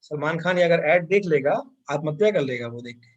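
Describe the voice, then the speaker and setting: A man's voice: on the high side, lively intonation, a little fast, highs cut off. A man with an Indian accent teaching vocabulary in an online class, switching between Hindi and English and repeating words.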